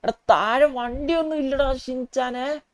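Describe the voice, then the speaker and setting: Woman doing an excitable young hustler, talks nonstop thru the game, kinda high voice. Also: measured pace. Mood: excited. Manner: excitable, chatty, talking through gameplay. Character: excitable young adult male street hustler. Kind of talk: gameplay voice role-play.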